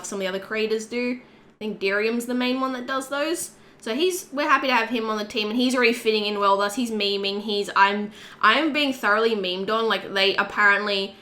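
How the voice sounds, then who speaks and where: A woman co-hosting a community podcast in casual chat, animated and full of "like" fillers. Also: medium pitch. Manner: chatty and animated, frequent "like" fillers. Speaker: podcast co-host and community co-leader.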